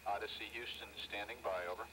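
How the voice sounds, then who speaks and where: Mission radio voice, a man with clipped procedure talk, crackly distant transmission, low-ish voice. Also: steady tone, quick pace. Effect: crackly space-to-ground radio transmission. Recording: noisy distant radio link.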